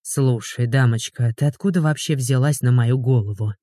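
A grumpy, scruffy man growls his complaints with a mocking edge, as a woman reader drops her voice to act him out. The audiobook sound is close and dry, and the tone stays mellow and soft-edged. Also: extremely low pitch, moderate pace, no room sound, voice pushed down. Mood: grumbling. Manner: gruff, grumbling, mocking. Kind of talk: audiobook character voice.

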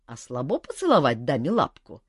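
A woman's voice: extremely low pitch, wildly swooping pitch, brisk, breathy edge, no room sound, studio quality, full character voice. A woman voicing a sly, teasing young man who mocks his friend. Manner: teasing, wry. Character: mocking young male adventurer, sly joker.

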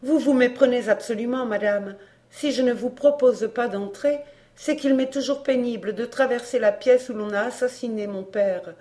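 A woman's voice: on the high side, normal speed, natural voice. A woman doing a guarded young heroine. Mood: restrained. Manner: quiet, restrained.

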